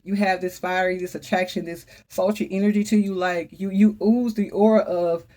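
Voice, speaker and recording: A woman's voice: mid-range voice, steady tone, normal speed, a little mellow. A woman doing a casual tarot reading for her viewers, with a mid-range voice. She talks in a chatty, emphatic way, speaks straight to the camera audience and keeps exclaiming as she goes. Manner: talks straight to viewers, calls on the Holy Spirit. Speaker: tarot reader.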